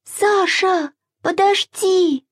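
A woman voicing a lively, teasing little girl in a storybook reading, calling out in a high, excited voice. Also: a little slow, no echo.

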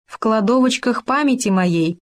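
Woman doing Khoma, a squeaky little hamster. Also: moderate pace, natural voice. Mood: innocent. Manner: calm, innocent, explaining patiently. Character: small clever squeaky male hamster. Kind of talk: storybook reading.

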